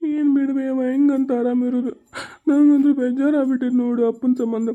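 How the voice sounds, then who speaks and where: A woman's voice: high-pitched, little pitch movement, fairly quick, lightly acted. Woman playing a plaintive hostel schoolboy. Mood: tearful. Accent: North Karnataka Kannada. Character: young schoolboy living away at a hostel. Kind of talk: family drama acting. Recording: muffled lo-fi recording.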